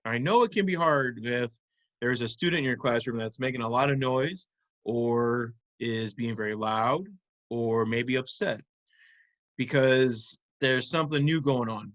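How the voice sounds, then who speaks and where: A man's voice: medium pitch, moderate pace, a bit bright, dry recording, highs cut off. A man teaching young children in simple, instructive phrases, often checking in with short questions. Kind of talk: simple interactive children's lesson.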